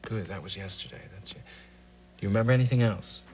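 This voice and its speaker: An actor playing a man gently questioning a small child, in a 1980s daytime soap. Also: fairly low pitch, brisk, a little hiss or hum, close to an everyday voice. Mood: patient.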